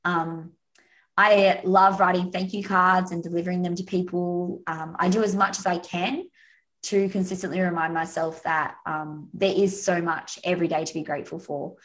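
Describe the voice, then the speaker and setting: A woman from Australia with an Australian accent, a podcast guest telling stories in a chatty, animated way over a remote call. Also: fairly low pitch, normal speed, poor audio. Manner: chatty storyteller, animated, frequent "you know" and "like". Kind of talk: casual podcast conversation.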